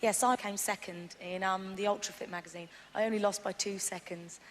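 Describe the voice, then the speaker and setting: A woman's voice: medium pitch, steady tone, fairly quick, fairly bright tone. A woman contestant giving brief interview answers in a large arena. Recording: echoey arena, some background noise.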